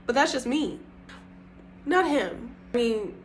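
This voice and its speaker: A young woman recounts a dating story in a casual vlog, animated and quick to swear. Her voice sits a little high. A faint hiss runs underneath. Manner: animated, profane, breaks into laughter. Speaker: storytime vlogger.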